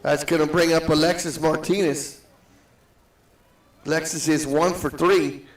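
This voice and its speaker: Guy doing play-by-play, kinda high voice, cave echo all over it, sounds off from the mic. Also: measured pace, far from the mic. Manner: steady count-calling, matter-of-fact. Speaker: play-by-play announcer. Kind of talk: live softball commentary. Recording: echoey booth, set back from the mic.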